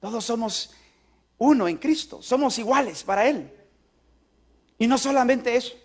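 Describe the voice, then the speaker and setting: High-voiced man preaching call-and-response. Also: moderate pace, a little mellow. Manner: asks the congregation to repeat lines aloud. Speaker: pastor. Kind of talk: sermon.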